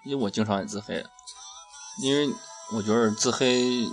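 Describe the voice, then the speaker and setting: A man's voice: mid-range voice, moderate pace, poor audio. A man hosting a radio show in a casual, irreverent chat full of crude slang. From Shaanxi, China. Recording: music behind the voice. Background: background music.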